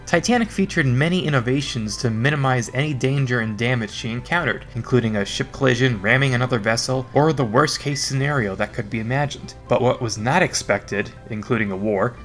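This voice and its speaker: A man's voice: mid-range voice, a bit bright. A man narrating a scripted history lesson in an informal, wry and sarcastic way. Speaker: history educator.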